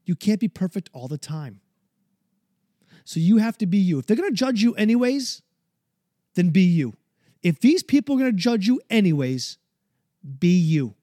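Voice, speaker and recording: A man's voice: sits high, sing-song, normal speed, pauses often, dark tone, no echo, clean studio sound. A man hosting a podcast, delivering a fired-up, preachy motivational monologue and swearing freely. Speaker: podcast host.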